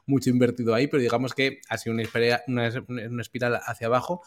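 A man from co-hosting a podcast, talking in a casual, reflective way with hesitant pauses and fillers. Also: mid-range voice, little pitch movement. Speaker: podcast co-host. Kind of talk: casual chat.

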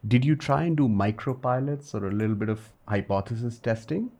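A man's voice: medium pitch, brisk, warm tone. Man asking probing interview questions. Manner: probing, brief follow-up questions.

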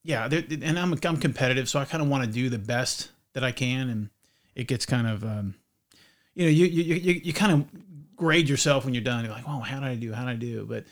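A man's voice: medium pitch, animated, fairly quick. Rambling, chatty male podcast host. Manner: rambling and chatty, with frequent restarts. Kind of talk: casual podcast chat.

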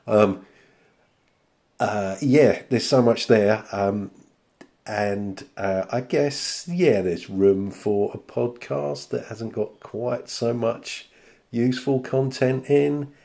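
Male podcast host, slow and mellow, hesitant with lots of ums. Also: lowish voice. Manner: hesitant, full of fillers and self-deprecating laughs. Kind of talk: podcast chat replying to listeners.

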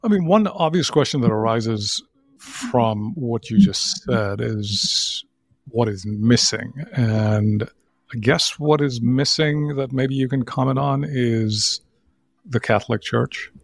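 A man hosting a podcast interview, asking reflective, measured questions. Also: mid-range voice, creaky. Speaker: podcast host.

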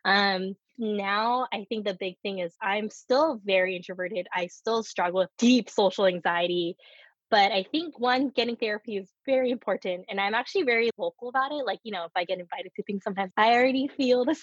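A startup co-founder appears as a guest in a relaxed interview, a woman in her thirties from the United States who grew up speaking Korean. Her mid-range voice is slightly rough and fairly quick, recorded lo-fi with no room sound, and she shares stories from her life openly, with frequent laughter.

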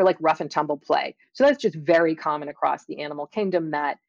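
An evolutionary biologist and author appears as an expert interview guest, explaining science carefully and precisely, with qualifications. Her voice is deep, creaky, and darkish, recorded without echo but with the highs cut off.

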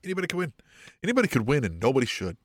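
A man's voice: mid-range voice, wildly swooping pitch, racing, no room sound, studio quality. A man hosting a podcast in casual, profane, rambling chat with a sardonic edge. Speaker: podcast host.

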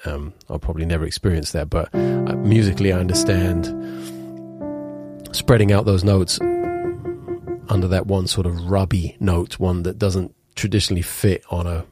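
Congested from a cold, a thirtysomething musician teaches composition in a low, fairly even voice at a normal pace, chatting loosely about chord voicings over piano. He restarts sentences, uses fillers, and sometimes hums a note.

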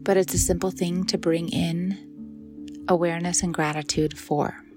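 A middle-aged woman gently leading a guided meditation in a soft, soothing voice that often drops into a breathy near-whisper. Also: fairly low pitch, steady tone, unhurried, music in the background. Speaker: meditation guide and yoga teacher.

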